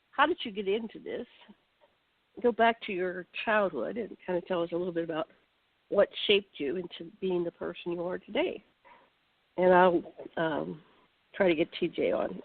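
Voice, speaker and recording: A radio host with a lowish, somewhat breathy voice comes through a tinny phone line. Chatty and relaxed, she rambles and describes what she's doing while introducing her guest in this casual radio chat.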